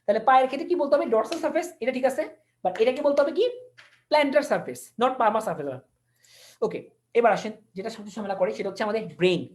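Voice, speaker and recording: Her voice sits somewhat high and comes out rapid-fire, with a slightly mellow quality. She's an anatomy lecturer running an online class, moving between languages for technical vocabulary, repeating important words and quizzing the audience.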